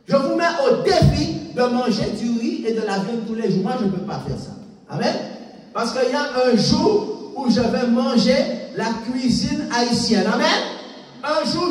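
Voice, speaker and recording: Male preacher, very high voice, emphatic call-and-response style, recorded from afar in a reverberant church. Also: recorded from a distance. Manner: rhetorical questions, repeated amens, emphatic. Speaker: pastor. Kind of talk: sermon. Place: large echoey church hall. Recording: echoey hall, voice picked up from afar.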